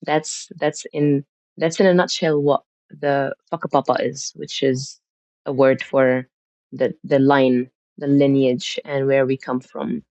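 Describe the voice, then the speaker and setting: A woman from Syria, a podcast guest, reflects on her family history in a conversational interview, often restarting her sentences. She has a bass voice with a level, darkish tone and an unhurried pace. The sound is muffled and lo-fi, with no echo.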